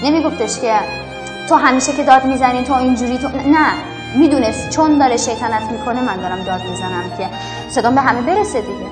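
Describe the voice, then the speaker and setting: A young woman from Afghanistan, a schoolteacher, talking earnestly and reflectively in a documentary interview. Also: high-pitched. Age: young adult. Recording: roomy echo with violin music over it.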